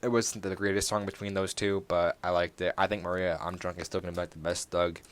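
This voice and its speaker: A man's voice: deep voice, level tone, fast, smooth. A young man hosting a casual solo podcast, rambling through music news with many fillers and self-corrections. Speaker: podcast host.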